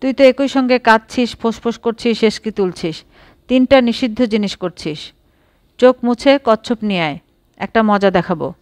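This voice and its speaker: A woman's voice: fairly high pitch, moderate pace, dry recording, close to an everyday voice. A woman voicing a grave, earnest young uncle in a storybook reading. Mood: gentle, grave.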